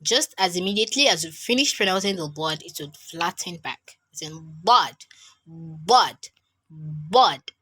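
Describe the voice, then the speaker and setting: Female recitation teacher, lowish and bright-toned, very slow and patient, demonstrates sounds by repeating them. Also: expressive. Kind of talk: online pronunciation lesson.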